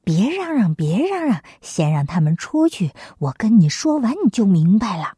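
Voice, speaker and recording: A woman voicing a brash, clever male monkey king in a lowered, quick, coaxing voice. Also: sing-song, warm tone, husky, no echo, studio quality. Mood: hushed.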